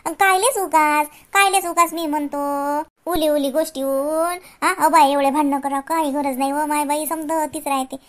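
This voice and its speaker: A rambling old village grandmother speaking in a very high, bright, piercing voice. She lectures and grumbles in a sing-song way, full of sighing exclamations. It is a comic sketch. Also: fairly even intonation, normal speed. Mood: preachy. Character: chatty, self-pitying old village grandmother.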